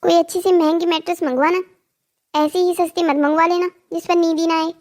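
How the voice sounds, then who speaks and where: A voice actor playing a fussy, demanding older mother-in-law in a cartoon story, scolding with sharp rising shouts. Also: very high voice, level tone, brisk. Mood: complaining.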